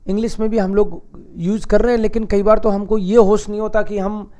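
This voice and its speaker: A man with a fairly high voice teaches a German grammar lesson. He talks in a loose, conversational way, teasing the learners and peppering them with rhetorical questions. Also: flat delivery, brisk, warm tone. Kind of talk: casual classroom-style lesson.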